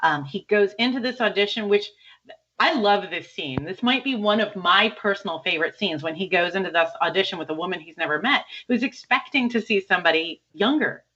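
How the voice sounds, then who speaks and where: Bright-voiced woman podcast co-host. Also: mid-range voice, a little fast, husky, lo-fi sound. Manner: animated, laughs often while retelling scenes. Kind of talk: casual film review chat.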